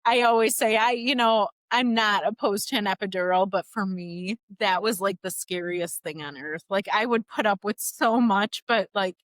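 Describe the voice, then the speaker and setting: A woman guest on a podcast, telling a personal story in a chatty, animated way, full of "like" and "you know". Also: medium pitch, moderate pace, few pauses, dry recording. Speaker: podcast guest, doula business founder.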